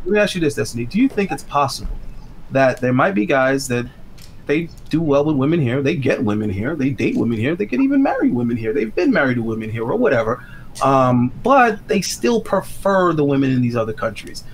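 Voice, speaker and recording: A man with a mid-pitched voice argues in a heated debate. He is insistent and keeps interjecting, with faint noise behind him. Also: very animated, a little fast. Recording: background noise.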